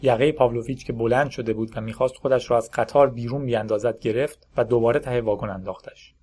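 A man narrating a story in a steady, measured audiobook style. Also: mid-range voice, husky. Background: faint background music.

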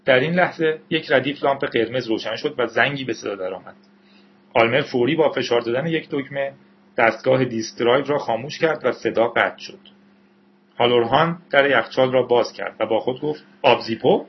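A man narrating an audiobook in a measured, even storytelling manner. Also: mid-range voice, slightly rough. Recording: dull lo-fi recording.

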